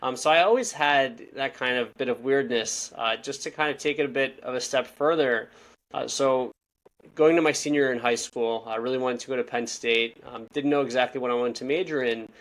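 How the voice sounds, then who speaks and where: Here the same kind of speaker, an Israeli man in his twenties who grew up speaking Russian, chats loosely as a guest on a podcast. His mid-range voice has a bit of brightness. He talks quickly, wanders from point to point and keeps revising what he says.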